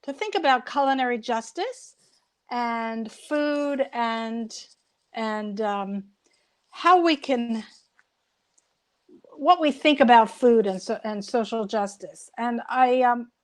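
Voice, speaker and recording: A woman moderating a panel over a video call without her camera, talking warmly with many fillers. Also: fairly high pitch, takes it slowly. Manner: warm and chatty, with hesitant fillers. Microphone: video call, audio only.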